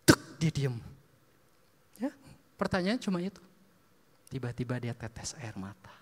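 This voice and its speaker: A male preacher telling stories in a sermon, lively, acting out dialogue and laughing often. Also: medium pitch, measured pace. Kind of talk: sermon storytelling. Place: church hall. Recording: long reverb of a church hall.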